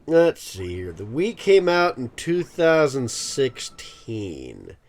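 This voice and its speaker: A man's voice: mid-range voice, huge pitch swings, takes it slowly, a little mellow. A man in his thirties giving rambling, casual let's-play commentary, full of ums and self-amused laughs. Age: 30s. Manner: rambling, filler-heavy, laughs at himself. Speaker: gaming channel host.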